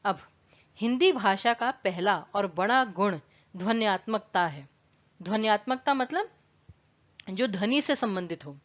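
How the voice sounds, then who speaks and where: A woman's voice: medium pitch, animated, a little slow, pauses often, dull audio. A woman teaching an online exam-prep lesson, explaining patiently and repeating words to contrast their pronunciation. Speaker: Hindi teacher.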